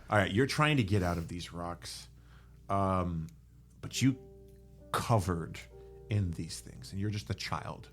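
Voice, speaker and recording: A man narrating a tabletop game as game master, halting, with frequent fillers and self-corrections. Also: sits low, soft background music.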